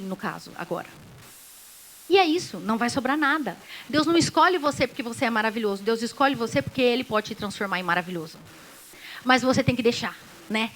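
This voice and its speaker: A woman's voice: on the high side, low-quality recording. A woman pastor with a Brazilian Portuguese accent, preaching a sermon in a conversational way that acts out little dialogues.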